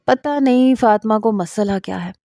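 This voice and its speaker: A teasing young husband from a storybook, all banter and mock complaint, as a woman reads him in her own mellow voice. The sound is dry and close. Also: mid-range voice, no room sound, close to an everyday voice.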